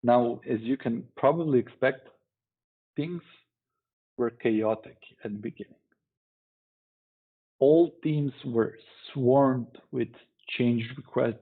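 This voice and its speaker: A man giving a conference tech talk, speaking in a measured, deliberate way with pauses. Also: mid-range voice, creaky. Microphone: online talk stream. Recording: tinny phone-like online stream audio.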